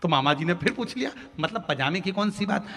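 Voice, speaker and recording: A male preacher with a Malwa Hindi accent delivers a devotional sermon, his fairly high, forceful voice leaping up as he acts out a story's dialogue. The sound rings out in a large reverberant hall. Faint music plays underneath. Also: expressive, brisk. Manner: storytelling, acting out dialogue with emphatic rising voice. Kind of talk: devotional sermon with acted anecdote.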